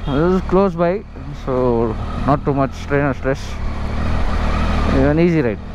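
A man's voice: on the high side, slow pace, muffled recording. A man talks casually into his helmet mic while riding a motorbike, rambling and thinking aloud. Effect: talking through a helmet mic while riding. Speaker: motovlogger. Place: on a motorbike on city roads, outdoors. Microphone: helmet-mounted mic. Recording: loud wind and road noise in a helmet mic.

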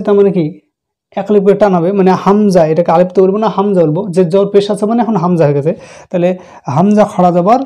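Man, recitation teacher, warm mellow voice, patient, step-by-step explanations, repeats sounds slowly. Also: high-pitched.

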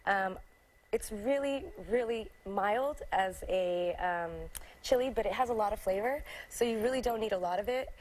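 A woman's voice: mid-range voice, normal speed, a little mellow, slight background noise, low-quality recording. A woman in her thirties, a guest chef, talking through a live cooking demo on a TV studio set. She is chatty and hesitant, with many fillers and restarts. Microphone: lapel mic.

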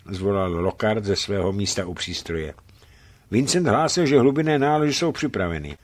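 A man's voice: lowish voice, no room sound. Man reading a novel aloud, dry studio sound. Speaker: radio reader. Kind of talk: scripted narration of a novel. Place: radio studio.

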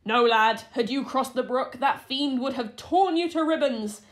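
A woman's voice: high-pitched, unhurried. A woman doing a stern old hunter. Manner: firm, commanding, rustic speech.

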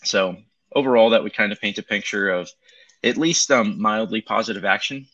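A man's voice: on the low side, normal speed, a bit bright. A man talking casually through a tinny Bluetooth mic, rambling loosely with lots of ums as he walks through crypto charts on a livestream. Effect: tinny Bluetooth mic sound. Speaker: crypto market commentator. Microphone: Bluetooth headset.

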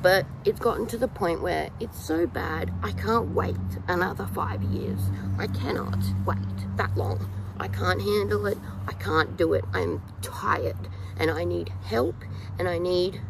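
A woman in her thirties with an Australian accent, chatting to her phone camera outdoors in a rambling, animated way. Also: medium pitch, creaky, background noise. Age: 30s. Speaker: vlogger. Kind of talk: casual talk to camera. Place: outdoors in a yard, in shade. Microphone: phone camera held low at arm's length.

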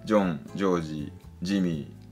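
A man giving a casual pronunciation lesson, patiently explaining and slowly sounding out example syllables and words. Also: low-pitched, a little mellow, faint music behind. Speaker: English pronunciation teacher.

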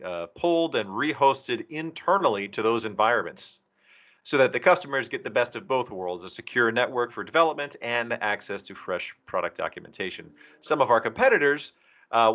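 A man with a fairly low, slightly bright voice presents technical material to a user group on a remote video call from indoors. He belongs to the documentation team; his video call microphone yields slightly dull audio.

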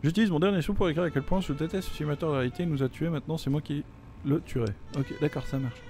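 Mellow-voiced French gamer joking along. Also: male voice, on the high side, racing. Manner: joking, swearing, reads game text aloud. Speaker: gameplay commentator. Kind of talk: casual let's-play commentary. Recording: faint game music behind.

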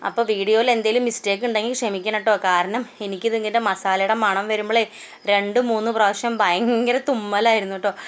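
A cooking channel host with a Malayali accent talks fast while guiding viewers through a home recipe, chatty and homely, repeatedly adding friendly "kettō" asides between steps. Her middle-pitched voice holds a steady tone, and she's recorded on a phone in her home kitchen for a casual cooking vlog.

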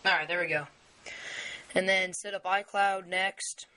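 Filming a phone down on a wooden table indoors, a young tech creator whose voice is giving out explains the setup a little slowly. His high voice is bright and forceful with fairly even intonation, and his casual walkthrough rambles with plenty of fillers.

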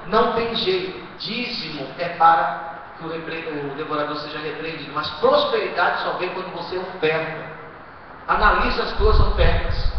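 A man preaching a sermon to his congregation, asking rhetorical questions and swinging between quiet asides and loud exhortation. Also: high voice, noisy background. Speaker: pastor. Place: church hall. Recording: echoey hall, distant muffled live stream.

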